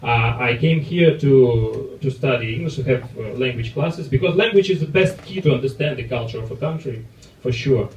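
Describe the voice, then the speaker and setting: A man in his thirties with a Russian accent doing a live stand-up set, with a halting, apologetic delivery full of fillers. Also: mid-range voice, animated, a little hiss or hum. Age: 30s. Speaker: stand-up comedian. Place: comedy club stage. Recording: roomy live club, far mic, loud crowd laughter.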